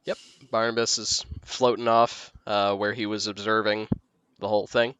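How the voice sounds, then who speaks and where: A man narrating a tabletop game as game master in an unhurried, descriptive way, laughing easily. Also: on the low side, level tone, a bit bright, clear, resonant tone, no echo, highs cut off.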